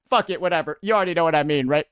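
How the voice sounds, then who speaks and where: Brief: male livestreamer, casual slangy rants, bright forceful higher voice, dry mic. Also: very fast, clear, resonant tone, no echo. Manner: animated, slangy, swears often, says "bro" a lot. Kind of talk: casual stream commentary.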